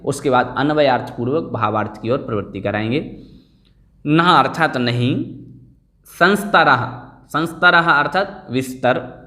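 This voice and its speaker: A man leads an online scripture class and explains every verse in detail. He talks very slowly and carefully, going over the pronunciation one word at a time, in an even middle voice. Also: mid-range voice. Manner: slow, deliberate explaining, drills pronunciation word by word. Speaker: scripture teacher.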